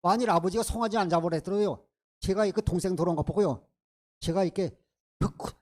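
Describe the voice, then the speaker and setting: High-voiced male pastor preaching. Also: quick pace, darkish tone. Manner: emphatic, rhetorical questions to the congregation. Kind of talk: sermon.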